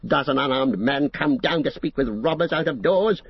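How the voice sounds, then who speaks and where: A man voicing a proud, scornful old male wizard whose voice is shrill and cold, mocking as he speaks. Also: moderate pace, slightly rough, no room sound, muffled recording. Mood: sneering. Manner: mocking, sneering. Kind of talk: audiobook character reading.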